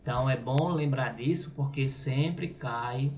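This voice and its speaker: A man's voice: mid-range voice, unhurried, darkish tone. A Brazilian man teaching a grammar lesson, explaining step by step and checking in with "right?" and "ok?". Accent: Brazilian Portuguese. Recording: echoey room with faint noise.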